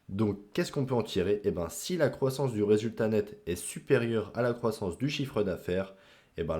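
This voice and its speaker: A man's voice: on the low side, mellow. A man hosting an investing channel, talking through slides in a casual, chatty way, with many fillers and the odd self-mocking aside. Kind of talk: casual screen-share explainer.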